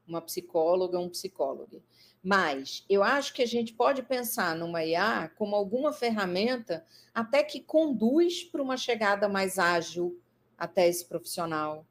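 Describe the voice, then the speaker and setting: A woman, a psychologist in a live interview, explaining her ideas thoughtfully with frequent fillers. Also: medium pitch.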